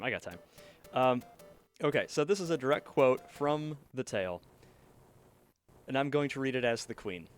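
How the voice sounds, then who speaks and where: Brief: male streamer, storytelling while gaming, joking, distracted, mid-pitched, faint music behind. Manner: joking, distracted, self-interrupting.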